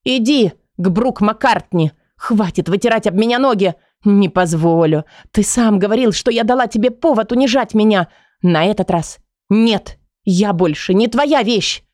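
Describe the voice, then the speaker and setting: A woman's voice: mid-range voice, lively intonation, moderate pace, dry recording, studio quality, lightly acted. A woman playing a desperate, jealous young woman. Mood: defiant. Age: young adult. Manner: shouting, tearful and pleading.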